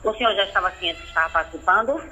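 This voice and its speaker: A man's high, bright voice comes down a landline phone, rushing through a scripted prize announcement. He pushes on insistently and keeps checking that all is well. The muffled line carries a faint hiss. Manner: rapid, insistent, keeps asking "all right?". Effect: heard over a landline phone. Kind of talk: scripted phone sales pitch.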